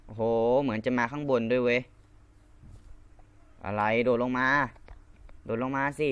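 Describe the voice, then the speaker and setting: A man's voice: mid-range voice, steady tone, a little slow, clear, resonant tone, no room sound, muffled recording. A young man from northeast Thailand with an Isan accent, chatting casually while he plays Minecraft. He rambles, repeats himself and swears now and then. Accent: Isan Thai. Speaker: Minecraft gamer. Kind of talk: casual gameplay commentary.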